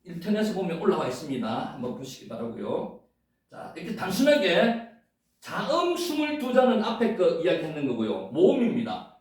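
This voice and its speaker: A man teaching Bible Hebrew in a playful classroom lecture, repeating words and sometimes chanting them. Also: sits high. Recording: echoey room, mic far off.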